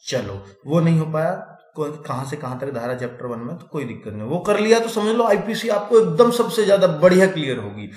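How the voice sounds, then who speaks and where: A man's voice: on the high side, expressive, brisk, darkish tone, reverberant. A man teaching an exam-prep lecture in a chatty classroom style, often checking in with his students. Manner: chatty, repeats "ठीक है" often.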